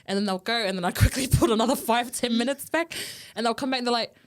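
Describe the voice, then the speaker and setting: A woman's voice: on the high side, quick pace, a little hiss or hum. A woman in her thirties co-hosting a podcast in casual chat, telling family stories with lots of laughter and acted-out voices. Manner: animated, laughing storyteller who acts out family voices. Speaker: podcast co-host.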